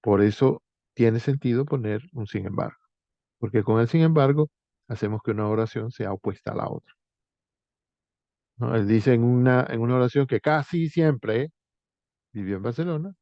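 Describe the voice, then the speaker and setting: A man teacher walking students through a writing exercise, thinking aloud with frequent pauses and restarts. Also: mid-range voice, no echo, highs cut off.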